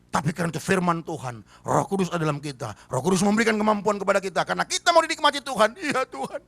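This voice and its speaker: A man's voice: high-pitched, animated, racing, gravelly, fairly bright tone. A man preaching a sermon, emphatic and firing rhetorical questions at the congregation. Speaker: pastor. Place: church service.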